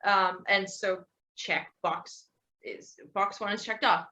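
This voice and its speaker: A woman's voice: mid-range voice, fairly even intonation, takes it slowly, pushed and bright. A young woman hosting a casual podcast interview, rambling a little and laughing often as she praises her guest. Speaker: podcast host.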